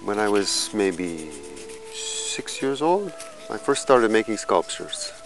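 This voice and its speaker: A man in his fifties from California, a musician telling his life story in a slow, reflective documentary interview, pausing and restarting as he thinks. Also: on the low side, very animated, faint music behind, low-quality recording. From California, USA. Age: 50s. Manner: slow, thoughtful, with pauses and small restarts.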